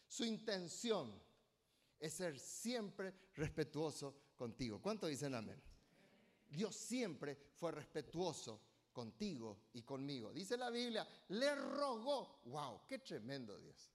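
High-voiced emphatic preacher in a reverberant hall. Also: male voice. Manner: emphatic, rising to loud bursts, asks the congregation for amens. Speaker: pastor. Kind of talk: sermon.

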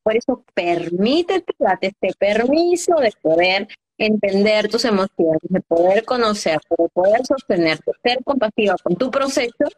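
A woman coach, a guest in an interview, giving gentle, encouraging advice on heartbreak straight to the listeners. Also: mid-range voice, animated, unhurried.

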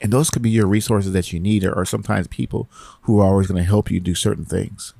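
A man's voice: lowish voice, fairly even intonation, fast, gravelly, warm tone, no room sound. A middle-aged man hosting a podcast, giving rambling, encouraging motivational talk and repeating his phrases. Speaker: podcast host.

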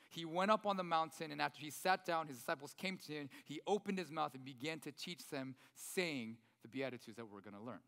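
Pastor preaching with big hall echo. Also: male voice, on the high side. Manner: chatty, self-correcting, often adds "right?". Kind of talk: conversational sermon with scripture reading. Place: church hall. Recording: loud voice in an echoey hall.

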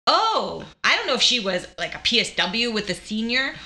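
Speaking at a normal speed in a slightly high voice, a young woman shares her cancer story as a guest in a laid-back chat, with a little hiss or hum audible. She's animated and mimics the people she quotes.

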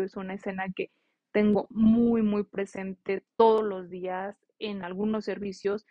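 A woman's voice: medium pitch, dry recording. Young adult woman nurse, earnest heartfelt storyteller coaching students; slightly muffled, dry recording. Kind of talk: casual spoken monologue to nursing students.

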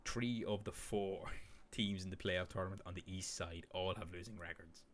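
A man with a deep, low voice talks through basketball standings in a loose, rambling podcast chat. He piles up fillers and self-corrections as he goes. A faint hiss sits under the recording. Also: fairly even intonation, moderate pace. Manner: rambling, filler-heavy analysis. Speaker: podcast co-host. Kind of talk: casual sports chat.

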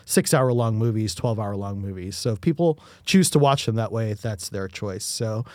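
A man's voice: fairly low pitch, moderate pace, a little mellow, no room sound, studio quality. A man co-hosting a casual space news show, enthusiastic and upbeat. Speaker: podcast co-host.

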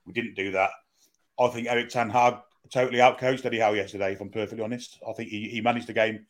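A man speaks on a live football panel in a fairly low voice. He talks fast and emphatically, doubling back on phrases to press his point. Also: fairly even intonation.

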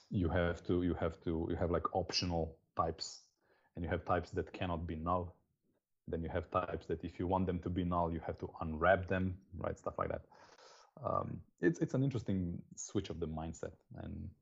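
Man, Slovenian accent, low creaky voice, husky, casual interview talk, slightly dull recording. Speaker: interview guest, software developer.

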